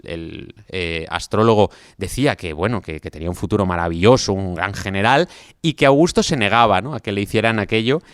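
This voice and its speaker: A man with a Spanish accent, a guest historian talking through a story in a relaxed interview, with many fillers. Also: fairly low pitch, smooth, no room sound, clean studio sound. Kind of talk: conversational interview.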